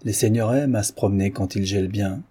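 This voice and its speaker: A man voicing a cheerful, optimistic Russian sleigh coachman in a storybook reading, with a husky voice and a lightly raised, upbeat delivery. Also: lowish voice, fast, mellow.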